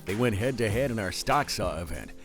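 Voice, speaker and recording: A man narrating a sports broadcast, reading scripted narration in a lively announcer style. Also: fairly low pitch, brisk. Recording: voice-over with music bed.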